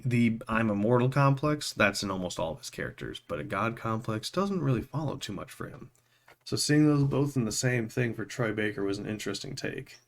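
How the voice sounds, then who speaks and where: A man giving a casual, unscripted video game review, rambling conversationally with informal, tongue-in-cheek humor and pausing to find his words. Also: fairly low pitch, creaky.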